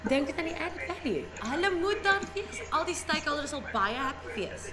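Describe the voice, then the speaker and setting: An actress playing an eager young advertising executive with a South African Afrikaans accent, pitching in a meeting. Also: female voice, big pitch swings, fairly quick. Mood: eager, persuasive. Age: young adult. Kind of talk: screen comedy-drama dialogue. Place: office boardroom.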